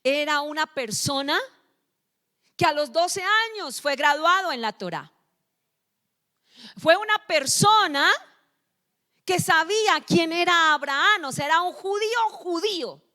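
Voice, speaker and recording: A woman's voice: very high-pitched, lively intonation, a little slow, long pauses, pushed and bright. A middle-aged woman pastor, preaching a sermon and firing questions at the congregation, scolding them at times. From Colombia.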